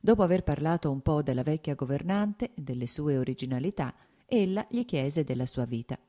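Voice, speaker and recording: A woman reads a classic novel aloud in a steady, measured way. Her voice is low-pitched and dark, mellow rather than bright. The delivery is even and unhurried. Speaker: audiobook narrator. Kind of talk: scripted novel narration.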